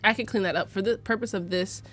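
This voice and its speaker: Speaking fast in a mid-range, somewhat bright voice, a young American from Arizona leads a casual livestream on photo editing. She chats freely, fills her talk with fillers, and laughs easily.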